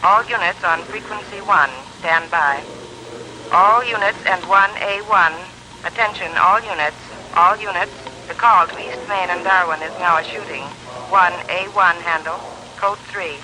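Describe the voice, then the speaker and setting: A brisk police dispatcher heard over a crackling radio, his voice fairly high for a man. He barks out unit numbers and codes in short, clipped, repeated bursts. The whole transmission sits under a layer of steady hiss. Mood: urgent. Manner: clipped, repetitive call-outs of codes and units. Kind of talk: 1950s radio drama acting. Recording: noisy radio broadcast recording.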